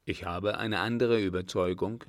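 A man's voice: low-pitched, fairly even intonation, normal speed, no room sound, natural voice. A man reading a proud young lieutenant. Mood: earnest. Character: brave young army lieutenant, courteous and proud.

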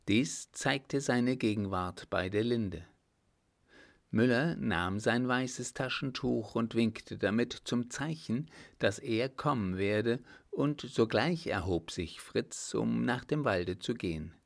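A man reading a novel aloud as an audiobook narrator, in a steady, unhurried way. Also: medium pitch, creaky. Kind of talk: scripted narration.

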